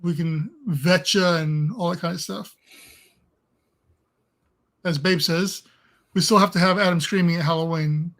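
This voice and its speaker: A male co-host with a notably high-pitched voice talks through a live stream. His phrasing is informal and folksy, in the style of casual chat rather than a prepared script. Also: steady tone, measured pace, pauses often, fairly bright tone, rough recording.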